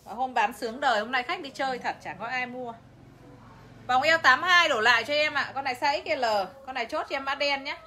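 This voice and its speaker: A woman's voice: high-pitched, fairly quick, sharp tone, slight background noise. A woman selling clothes on a livestream, chatty and talking straight to her viewers. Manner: chatty, addresses viewers directly, laughs often. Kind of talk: live sales pitch.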